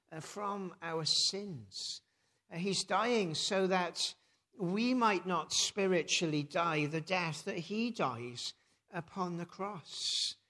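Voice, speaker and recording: A man's voice: high-pitched, sharp tone. A man preaching a reflective sermon before a communion service, with many rhetorical tag questions and thoughtful hesitations.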